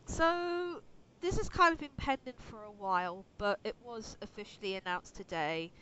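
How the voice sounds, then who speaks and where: A woman co-hosting a casual podcast, chatty and quick to giggle. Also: mid-range voice, sharp tone, clean tone. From United Kingdom. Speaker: podcast co-host. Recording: dull lo-fi with faint noise.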